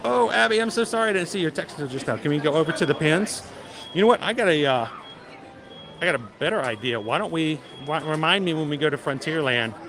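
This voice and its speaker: Hosting a casual livestream, a man walks an outdoor theme park, chatting and joking with viewers over background noise. His voice is a little high, expressive, fast and creaky, and he occasionally stumbles and repeats words.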